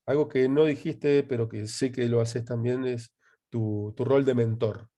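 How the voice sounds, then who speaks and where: A man's voice: medium pitch, steady tone, measured pace, warm tone. An Argentine man, a university lecturer hosting an interview, agreeable and emphatic as he talks. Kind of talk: casual conversation.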